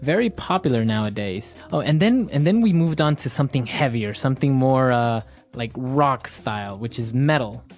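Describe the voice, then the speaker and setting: A man co-hosting a relaxed English-learning podcast, with a voice of middling pitch. He moves the chat along with brief questions and prompts. Faint music sits under his voice. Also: moderate pace, hardly any pauses. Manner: guides the talk with short prompts and questions. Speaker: podcast co-host.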